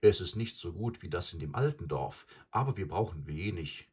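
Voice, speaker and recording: A man's voice: deep voice, lively intonation, moderate pace, darkish tone, breathy edge, exaggerated voice. A man voicing a gray-haired, timid village woman who speaks in a trembling, pleading way in an audiobook. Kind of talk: audiobook character voice.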